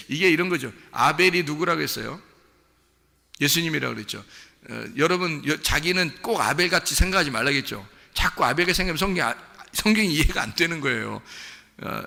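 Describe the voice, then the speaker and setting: Male pastor, gravelly and bright, relaxed sermon with questions to the congregation, big church reverb. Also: on the high side. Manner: conversational, asks the listeners questions and acts out quoted lines. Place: church sanctuary. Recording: long reverb of a large hall.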